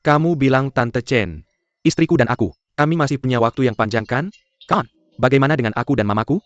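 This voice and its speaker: A man's voice: mid-range voice, a little fast, no echo, natural voice. A man dubbing a defensive husband. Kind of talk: dubbed drama dialogue. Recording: dull lo-fi dub with music behind.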